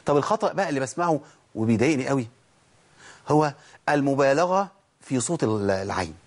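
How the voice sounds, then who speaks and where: A man with an Egyptian accent teaching Quran recitation in a casual, lively way, gently scolding common mistakes and chanting slow examples. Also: mid-range voice. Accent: Egyptian Arabic. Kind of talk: tajweed lesson.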